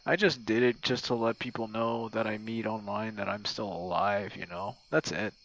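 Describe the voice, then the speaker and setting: Fairly low-pitched and steady, with a moderate pace and fairly bright tone, a young streamer known for online audio roleplay leaves a laid-back message for a gamer friend. He rambles, swears a lot, and runs himself down. Audio quality is low, and crickets and night sounds fill the background.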